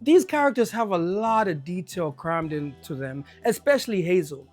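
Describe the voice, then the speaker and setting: Someone with a Jamaican accent casually reviews a video game, sounding enthusiastic and often repeating words in excitement. The pitch is medium, the pace normal, and soft music plays in the background.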